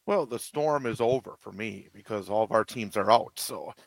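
A man's voice: lowish voice, normal speed, gravelly, slight background noise. A man, a local sports radio announcer, chatting as a guest in a rambling way with many restarts. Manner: rambling, lots of restarts and fillers. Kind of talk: casual radio chat.

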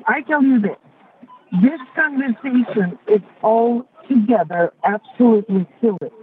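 A woman's voice: on the high side, measured pace, a little hiss or hum. A woman caller with a Russian accent, blunt and dismissive, talking on a speakerphone held away from her. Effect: on a speakerphone, phone held away from her. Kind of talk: call-in radio talk. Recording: distant, tinny speakerphone call line.

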